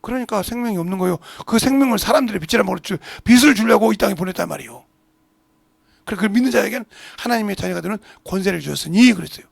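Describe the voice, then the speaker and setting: Gravelly high-voiced male pastor preaching. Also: very fast, no room sound. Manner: animated preaching, acting out family dialogue. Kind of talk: sermon. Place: church sanctuary.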